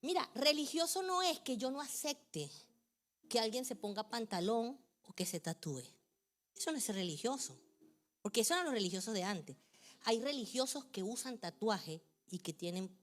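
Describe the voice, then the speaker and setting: A middle-aged woman pastor preaching a sermon with passion, moving from hushed phrases up to near shouting. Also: a little high, animated, normal speed.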